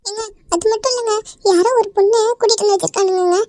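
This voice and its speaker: A performer voicing a distraught middle-aged mother in an animated cartoon, pleading through tears. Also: very high voice, fast talker, dry recording. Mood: tearful pleading. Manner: pleading, sobbing.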